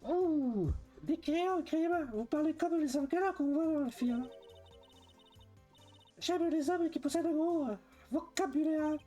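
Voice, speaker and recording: Guy doing a coy giggly game girl, super high teasing falsetto, mellow tone. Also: a little slow, soft background music. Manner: sing-song falsetto, teasing.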